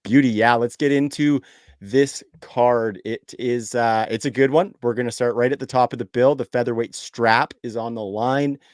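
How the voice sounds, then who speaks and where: An upbeat young man from Canada hosts a sports podcast, chatting loosely and laughing easily. His voice sits at a middle pitch. It is recorded close and dry on a podcast mic. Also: fairly even intonation, moderate pace, dry recording. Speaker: podcast host. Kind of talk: casual sports podcast chat.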